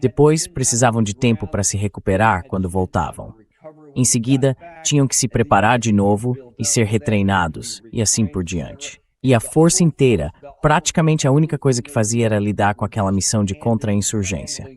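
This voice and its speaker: Animated and a little fast, a Brazilian-accented man talks in a slightly mellow voice on the low side. He's a talk show host and political commentator whose news commentary is opinionated, blunt, sarcastic and colloquial.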